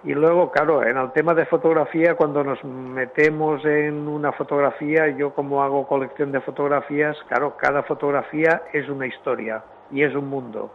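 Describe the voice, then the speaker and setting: A man calling in to a radio show over a faint phone line, as if the phone is held away from his mouth, telling a rambling story in halting sentences. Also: fairly high pitch, fairly even intonation, a little hiss or hum. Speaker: radio caller, photo collector.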